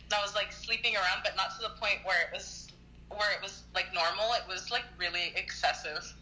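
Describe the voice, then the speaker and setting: Young woman calling in, super bright sharp voice, coughing a bit, says like a lot, tinny phone line with faint hiss. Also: medium pitch, fairly quick. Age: early 20s. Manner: chatty, rambling with many "like"s. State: coughing, recovering from illness. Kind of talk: casual phone chat.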